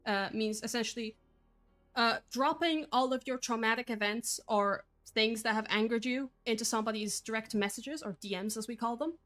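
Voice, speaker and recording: A woman's voice: a little high, a bit bright, faint music behind. A woman from Poland, not a native English speaker, speaking firmly on an online group voice call and filling her sentences with "uh" and "um". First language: Polish. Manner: firm, measured, with frequent fillers. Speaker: call moderator.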